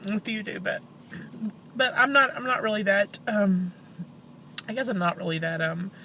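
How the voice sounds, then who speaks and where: A woman speaking in a halting, downcast, grieving way, as in a personal confessional vlog. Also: medium pitch, pushed and bright, slight background noise. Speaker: vlogger, bereaved mother.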